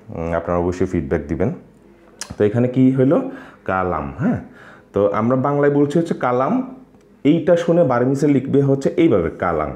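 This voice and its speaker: A man teaching a language lesson, pausing often with fillers and checking in with his listeners. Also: fairly low pitch, dark tone, roomy sound, dull audio. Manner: hesitant, many filler sounds, checks in with listeners.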